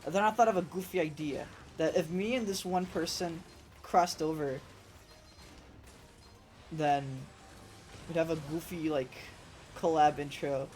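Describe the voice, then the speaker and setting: A woman game streamer with a sore, rough throat, chatting in a rambling, casual way and swearing freely while she plays. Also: deep voice, steady tone, a little slow, long pauses, darkish tone. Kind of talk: casual let's-play commentary.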